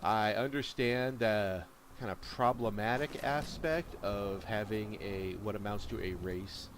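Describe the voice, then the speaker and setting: Steady background noise from a video game accompanies a man's lowish voice at a measured pace. His commentary is casual, peppered with rambling asides that explain things.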